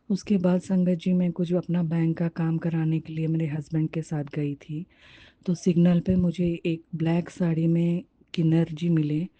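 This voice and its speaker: A woman's voice: low-pitched, dark tone, dull audio. A woman sharing a devotional testimony and fervently repeating her words of thanks.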